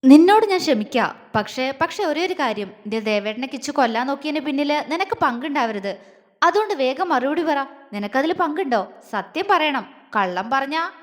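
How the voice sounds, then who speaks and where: Woman doing a fierce, shouting young wife in an audio drama, high voice, long reverb. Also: expressive, moderate pace. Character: furious young wife confronting a betrayer.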